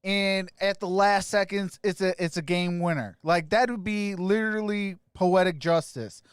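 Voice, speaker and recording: A man's voice: high voice, fairly even intonation, normal speed, smooth, no room sound. Upbeat man reading chat, dry mic. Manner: upbeat, greets viewers by name and gives shout-outs. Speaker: live stream host. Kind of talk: casual live chat reading viewer comments.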